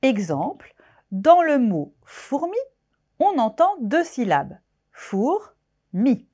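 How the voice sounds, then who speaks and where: Slow, carefully articulating woman teacher. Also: sits high, sing-song, darkish tone. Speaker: French pronunciation teacher. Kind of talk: pronunciation lesson.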